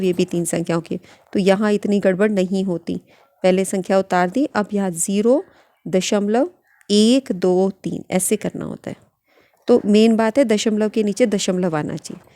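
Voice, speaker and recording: A woman's voice: mid-range voice, fairly even intonation, dark tone, no room sound. A woman math teacher working through a worksheet, counting out each step patiently and often checking in with "okay". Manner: patient, repeats "ठीक है" often, slows to read out numbers. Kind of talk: worksheet lesson, counting steps aloud.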